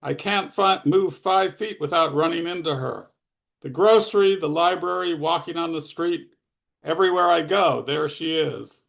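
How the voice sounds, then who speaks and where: A man voicing an agitated, skeptical young man who protests loudly against mystical talk. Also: a little high, moderate pace, vocal fry. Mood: exasperated. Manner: exasperated, protesting.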